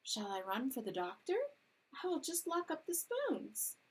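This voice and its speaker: A woman's voice: sits high, very animated, measured pace, husky, voice pushed up, heavily acted, low-quality recording. A woman voicing a proper lady cat hostess in a storybook reading, formal and severe.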